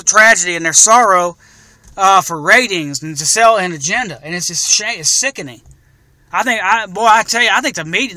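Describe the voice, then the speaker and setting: A man rants in an indignant, repetitive way, tripping over his words and starting over. His voice is high and extremely bright and sharp. It sounds dry and close. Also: dry recording. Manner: indignant, repetitive, stumbling restarts. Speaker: video blogger. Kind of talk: angry ranting commentary.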